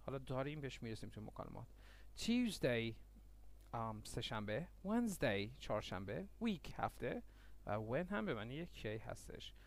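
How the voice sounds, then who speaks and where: A man teaching a language lesson who reads word lists, saying each English word slowly and deliberately, then giving its meaning and quick explanations. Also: mid-range voice, big pitch swings, vocal fry.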